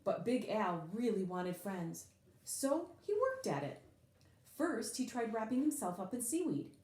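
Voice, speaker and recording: Reading a children's picture book aloud, a woman with a voice on the high side hams it up expressively, pulling out key words for emphasis. The room is echoey.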